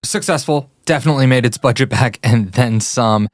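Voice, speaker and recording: A man co-hosting a casual film podcast, relaxed and opinionated, walking through release dates and box office figures. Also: medium pitch, normal speed, no room sound, studio quality. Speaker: podcast co-host. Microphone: studio microphone.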